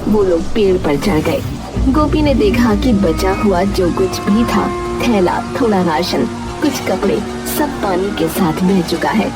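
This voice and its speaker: A woman's voice: mid-range voice, animated, measured pace, loud music behind the voice, low-quality recording. A woman reading scripted narration for a moral story.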